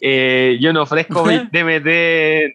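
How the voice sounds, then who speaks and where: A young man with a Chilean accent in casual chat, joking and relaxed, full of slang. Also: on the high side, measured pace, clean tone, no echo, faint music behind. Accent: Chilean Spanish. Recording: dull lo-fi recording.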